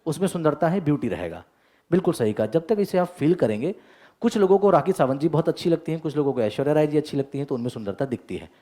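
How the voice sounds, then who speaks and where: Energetic male grammar teacher lecturing a class. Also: on the high side, fast talker. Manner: energetic, keeps asking "yes or no?" to check understanding; joking asides to the class.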